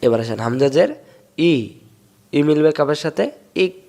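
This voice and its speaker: A man from Bangladesh, teaching Quran reading step by step and drawing out sounds slowly to show them. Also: on the high side, lively intonation, creaky, dark tone. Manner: explains step by step, drawls sounds slowly to demonstrate. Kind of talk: recitation lesson.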